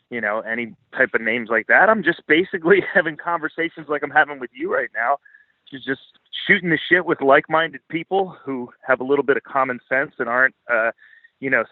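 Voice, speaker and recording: An American man from Philadelphia, a guest in a casual unscripted interview, chats bluntly, profanely and self-deprecatingly. His voice sits at medium pitch with no echo, heard over a thin, phone-like line.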